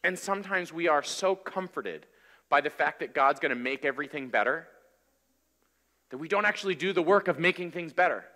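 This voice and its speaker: A man in his thirties preaching a sermon from a pulpit, in a conversational, energetic way. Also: fairly high pitch, brisk. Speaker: pastor. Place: large church hall, on stage at a wooden pulpit. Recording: reverberant church hall.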